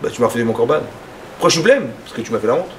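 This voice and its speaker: A man giving a lively sermon as a rabbi, acting out little dialogues in his talk. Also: rapid-fire, noisy background. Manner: animated, acts out dialogues with rising pitch.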